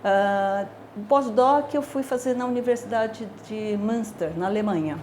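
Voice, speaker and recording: A woman's voice: medium pitch, measured pace, a little mellow, slight background noise. A woman in her sixties with a Brazilian Portuguese accent, a dermatology professor recounting her career in a reflective, hesitant way with many filler words. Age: 60s. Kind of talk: personal career testimony.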